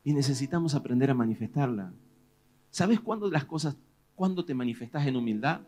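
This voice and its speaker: A man with a Rioplatense Spanish accent, a pastor preaching a sermon in a lively, conversational way, pressing questions on his congregation. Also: mid-range voice, fairly quick. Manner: animated preaching, rising loud on questions to the congregation.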